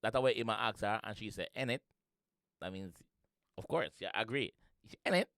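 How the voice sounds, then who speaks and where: A Jamaican man hosting a reaction video, laughing, swearing and chatting excitedly in a mix of patois and English. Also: lowish voice, brisk, gravelly. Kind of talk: casual reaction commentary.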